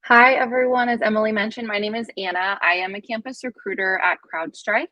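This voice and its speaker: A woman recruiter delivers an upbeat, salesy pitch to students in a presentation style. Her voice sits at a middling pitch for a woman. The sound is dry, with hardly any room in it. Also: fairly even intonation, brisk, sharp tone, no echo, highs cut off. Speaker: campus recruiter.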